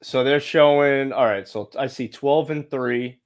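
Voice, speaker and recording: A man interviewing in a casual, low-key way, reading things out and careful to stay neutral. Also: unhurried, crowd noise. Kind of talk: casual chat, reading out records.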